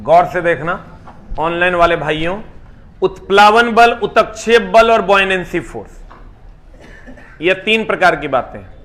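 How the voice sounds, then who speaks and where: A man's voice: high-pitched, animated, measured pace, long pauses, a bit bright. A man teaching a live online class, chatty and teasing, firing rhetorical questions at students.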